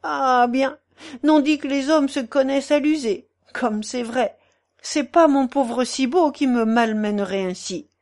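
A woman voicing a gossipy, meddling middle-aged concierge in a storybook reading, with a shrill, wheedling, theatrical manner. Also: measured pace, a little mellow. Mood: wounded indignation.

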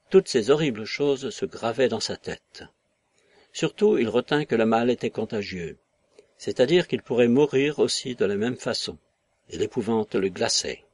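Husky French-reading male narrator. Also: medium pitch, darkish tone, dry recording. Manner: measured, literary reading. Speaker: audiobook narrator. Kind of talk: scripted narration.

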